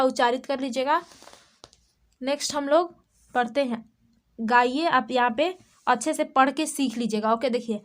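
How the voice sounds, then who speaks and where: A young Indian woman teaching small children in a high, light voice. She takes her time, slowly spelling out each sound and repeating words so the little ones can follow. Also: fairly bright tone. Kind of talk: slow classroom lesson for small children.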